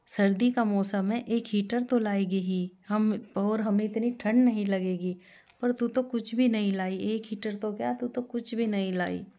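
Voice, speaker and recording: A woman voicing a harsh, greedy older mother-in-law who scolds and taunts in a raised, shrill voice. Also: dark tone, lightly acted. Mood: taunting.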